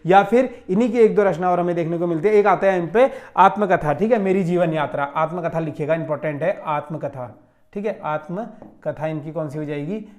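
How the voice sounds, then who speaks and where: A man's voice: fairly high pitch, darkish tone. A man teaching a grammar lesson for an exam, who repeats key terms and keeps checking in with his students. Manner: repetitive, checks with frequent "theek hai", stretches key terms slowly. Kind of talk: Hindi grammar lesson solving a mock test.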